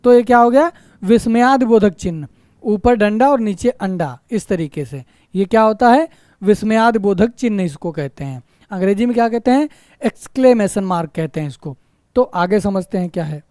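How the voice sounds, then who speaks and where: A man with a high, darkish, clear and resonant voice is recorded dry at studio quality. He's teaching Hindi grammar in an online exam-prep lecture, asking rhetorical questions he answers himself, repeating key phrases for emphasis, and checking in with his students often.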